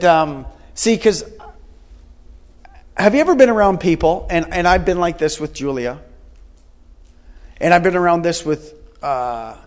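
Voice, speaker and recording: A man's voice: fairly high pitch, darkish tone. A man in his forties preaching a sermon in an earnest, repetitive way, asking his listeners questions. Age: 40s. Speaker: pastor.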